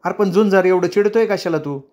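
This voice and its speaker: A man's voice: high-pitched, fairly quick, darkish tone, voice pushed up, close to an everyday voice. A man doing a flustered woman on the phone. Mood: placating.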